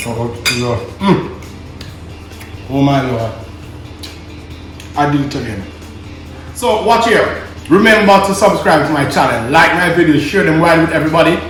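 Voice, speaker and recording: A man's voice: on the high side, expressive, a little fast, fairly bright tone. A man with a Jamaican accent hosting a casual cooking demonstration in an exclamatory, savouring way, often repeating words for emphasis. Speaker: cooking show host. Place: indoor kitchen. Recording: echoey room, music behind.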